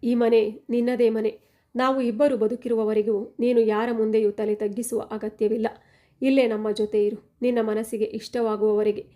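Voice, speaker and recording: A woman voicing a loving older father who speaks gently and emotionally to his daughter. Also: fairly high pitch, level tone, normal speed, close to an everyday voice. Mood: tender.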